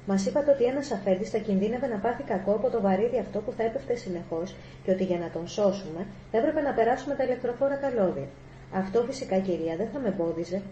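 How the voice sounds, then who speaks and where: Polite storybook robot, measured and deferential, read by a woman; mellow tone, roomy echo. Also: mid-range voice, lively intonation, lo-fi sound, slight background noise, close to an everyday voice. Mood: earnest, deferential. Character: polite reasoning male robot. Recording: echoey room, faint ambience.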